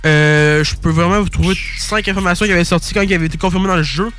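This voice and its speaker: A young man with a Québécois accent hosting a casual sports podcast, excitable and slangy, swearing freely. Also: high-pitched, fast, soft background music. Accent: Québécois French. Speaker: podcast host.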